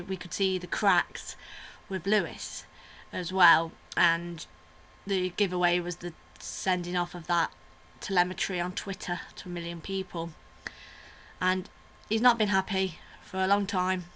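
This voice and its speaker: A bright, forward-sounding woman talks to camera as the host of her own review vlog. She is chatty and opinionated, with plenty of fillers and asides. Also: medium pitch. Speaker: vlogger host. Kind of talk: casual video review chat.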